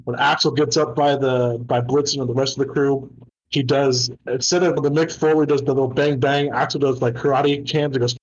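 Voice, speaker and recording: A man's voice: medium pitch, level tone, brisk, muffled recording, slight background noise. A man playing a tabletop role-playing game, describing his character in a loose, rambling way. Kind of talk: casual chat.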